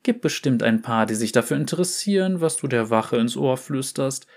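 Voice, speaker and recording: A man's voice: mid-range voice, expressive, moderate pace, a little mellow. A man voicing a brash, violent female enforcer who taunts and threatens in a mocking, cocky way. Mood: taunting. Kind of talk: dramatic story reading.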